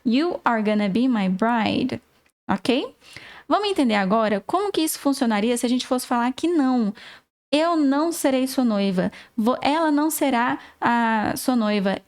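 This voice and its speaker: A Brazilian woman with a fairly high voice teaches an online English lesson in Portuguese-accented speech. She is patient and clear, and she breaks each point into small steps. She slows right down whenever she says an English example. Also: animated. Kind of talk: casual online language lesson.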